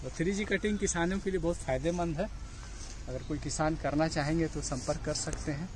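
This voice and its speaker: A man's voice: on the high side, fairly quick. A man in his forties explaining a farm outdoors, speaking patiently and pointing things out, recorded close up on a phone camera. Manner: patient, points things out and keeps saying "look". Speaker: farm guide. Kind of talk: explaining a farm on a walking tour. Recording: clear outdoor noise behind.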